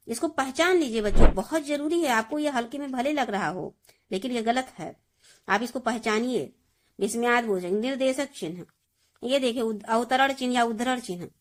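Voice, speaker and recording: A woman Hindi teacher giving a grammar lesson, explaining step by step and repeating each word for her students. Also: medium pitch. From India.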